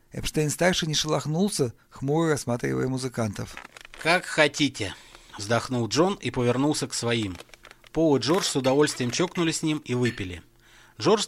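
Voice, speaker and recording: A man reading an audiobook in a measured, lightly ironic storytelling manner. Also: mid-range voice, a little hiss or hum. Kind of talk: audiobook narration.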